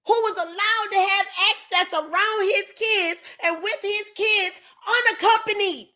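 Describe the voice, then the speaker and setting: Lady ranting to her viewers, super high bright voice, keeps saying stuff twice. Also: fairly even intonation, unhurried. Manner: emphatic, keeps repeating herself for stress. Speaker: commentary host.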